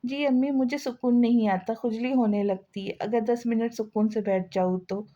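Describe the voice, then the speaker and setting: A woman's voice: a little high, steady tone, moderate pace, warm tone, close to an everyday voice. A woman voicing a mischievous, defiant young girl who talks back to her elders in a sassy way. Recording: slightly dull lo-fi sound.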